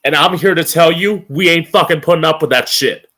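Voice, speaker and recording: A man's voice: a little high, fairly quick, sharp tone. A man with a campy drag queen manner hosting an informal opinion monologue, emphatic and opinionated, with plenty of swearing. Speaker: podcast host.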